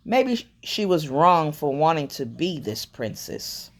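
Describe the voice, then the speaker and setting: An unhurried woman with a low-sitting voice reads a picture book to children as a bedtime storyteller. Her reading is expressive, broken up by quietly murmured asides.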